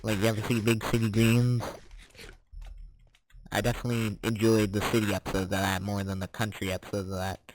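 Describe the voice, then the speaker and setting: A teenage boy chatting casually while playing a game, rambling and correcting himself as he answers quick questions. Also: on the low side, flat delivery, noisy background. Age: teens. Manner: rambling, self-correcting, chuckling. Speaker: gaming vlogger.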